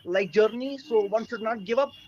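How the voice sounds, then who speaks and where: A young man from Kashmir speaks hesitantly and haltingly in an English practice conversation, with a Kashmiri Indian accent. He is an English learner, and his voice is high-pitched with a darkish tone. The audio is dull with a little hiss or hum.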